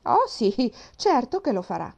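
Petulant young wife, read by a woman, sarcastic, shrill, mellow voice, audiobook. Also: sing-song, a little fast.

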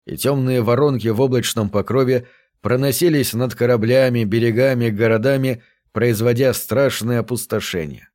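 Steady male audiobook narrator. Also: medium pitch.

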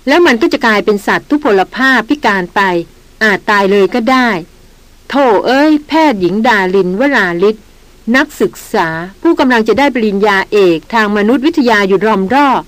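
A woman's voice: fairly high pitch, lively intonation, normal speed, dry recording, lightly acted, low-quality recording. A woman reading the part of a young man who drawls and lectures teasingly in an audiobook. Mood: mocking.

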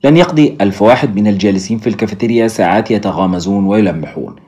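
Fast low-voiced male storyteller. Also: warm tone. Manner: storyteller addressing listeners. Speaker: narrator. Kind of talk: scripted audiobook narration.

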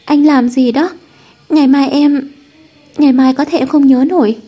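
A woman's voice: high voice, little pitch movement, rapid-fire, mellow, slightly rough, voice pushed up. A woman voicing a tender young wife who talks through tears in a raised, pleading voice. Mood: tearful. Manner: tearful, pleading.

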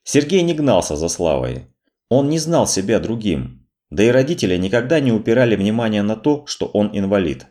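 A male narrator reading a dramatic audiobook in a low voice that moves a lot in pitch. His delivery is expressive and carefully paced for storytelling. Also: moderate pace.

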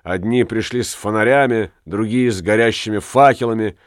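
A man's voice: on the low side, moderate pace, dry recording. Male audiobook narrator, dramatic storytelling, dry close sound.

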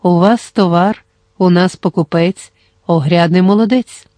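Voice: mid-range voice, measured pace, warm tone, no room sound, natural voice. A reader voicing a wicked old male sorcerer who chants rhymed demands in a thin, rattling, sweet voice, in an audiobook. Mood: sing-song taunting. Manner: chanting rhymed sing-song lines. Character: old evil male sorcerer, sing-song and wheedling. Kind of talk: audiobook character voice.

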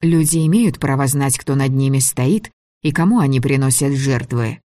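A man voicing a proud, sharp-tongued young sorceress, throwing scornful retorts in an audiobook reading. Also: medium pitch, normal speed, dry recording, studio quality, close to an everyday voice. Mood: defiant.

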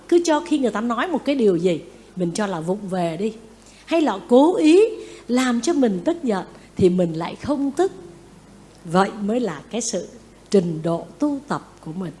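A Buddhist nun giving a lively dharma talk, often asking her listeners questions and acting out what people say. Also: high voice. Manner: lively, asks the audience questions, acts out quotes. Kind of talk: sermon.

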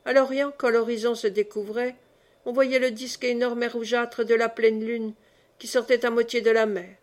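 A woman reading a classic novel aloud in measured, expressive narration. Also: on the high side. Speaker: audiobook reader. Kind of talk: scripted narration.

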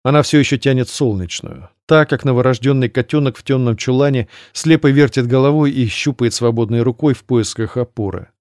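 Male audiobook narrator, measured and even, mid-range voice, dry booth sound. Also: mid-range voice, dry recording.

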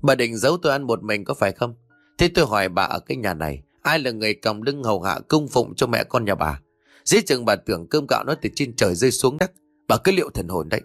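A man narrating a story and voicing a cruel middle-aged daughter-in-law who scolds and shouts venomously. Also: mid-range voice, very animated, fast, no room sound, faint music behind. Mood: venomous scolding.

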